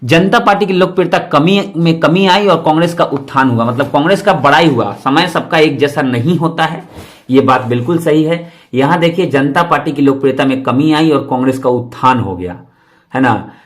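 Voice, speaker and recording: A man's voice: a little high, moderate pace. A man giving an exam-prep history lecture, explaining each point twice and asking rhetorical questions. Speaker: history teacher.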